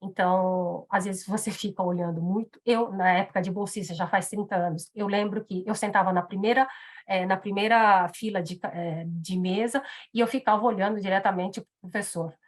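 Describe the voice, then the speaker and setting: A woman's voice: mid-range voice, steady tone, moderate pace. Chatty woman giving a seminar. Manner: chatty, many fillers and tag questions. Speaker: seminar speaker on Japanese business etiquette. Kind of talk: live online seminar talk. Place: in Japan.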